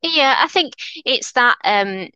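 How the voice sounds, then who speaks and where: A lawyer from North Manchester, England, with a strong Mancunian accent answers interview questions earnestly and encouragingly, often restarting her sentences. Her voice is high, expressive, sharp and smooth, and she takes it slowly. The recording is dry and lo-fi.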